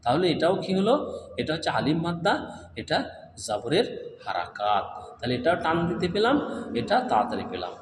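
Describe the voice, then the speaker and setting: A man's voice: a little high, big pitch swings, fairly quick, pauses often, a little hiss or hum. Man teaching Quran reading in an echoey room. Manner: drawls sung syllables, asks and answers himself. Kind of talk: step-by-step recitation lesson. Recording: echoey room with long reverb.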